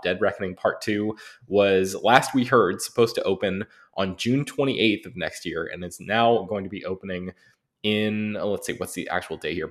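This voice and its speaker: A man hosting a film news podcast in a casual, loose way with plenty of fillers. He is getting over an illness and is not yet at full strength. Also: on the low side. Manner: relaxed, filler-heavy, apologetic. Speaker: podcast host.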